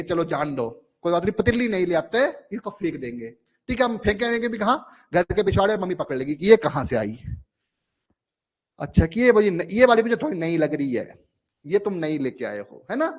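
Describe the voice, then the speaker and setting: A male teacher giving an online exam-prep lecture, explaining with everyday examples and checking understanding again and again. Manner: explains with everyday examples, keeps asking "ठीक है?"; acts out little inner dialogues in a lowered voice.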